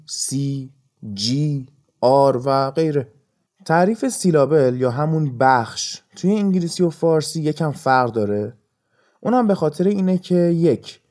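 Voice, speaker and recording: A man with a mellow voice on the high side hosts an educational podcast as an English teacher, patiently explaining things step by step with examples.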